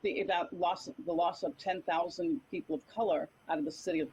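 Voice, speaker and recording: A woman's voice: fairly low pitch, fairly even intonation, a little fast, a little mellow, breathy edge, dull audio. A woman on a panel, speaking emphatically over a video call whose audio keeps cutting out, so her volume is uneven. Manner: emphatic, repeats points. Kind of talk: online panel discussion.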